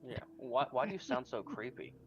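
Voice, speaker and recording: A man's voice: mid-range voice, expressive, a little fast, a bit bright. A man playing a tabletop game, asking blunt questions in casual in-character chat. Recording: dull lo-fi mic, music behind.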